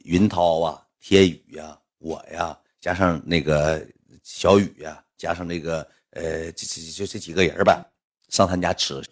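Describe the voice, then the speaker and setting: A man's voice: deep voice, steady tone, a little slow. A man with a Northeastern Mandarin accent telling a funny anecdote in a rambling, repetitive, colloquial way with some swearing. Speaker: storyteller. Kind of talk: casual anecdote storytelling.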